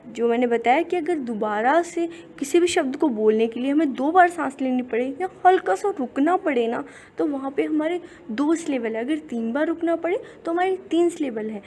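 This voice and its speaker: A woman teaching English grammar in Hindi, explaining step by step and slowing down to spell out English words and definitions. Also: high-pitched, a little mellow, slight background noise. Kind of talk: Hindi-medium grammar lesson.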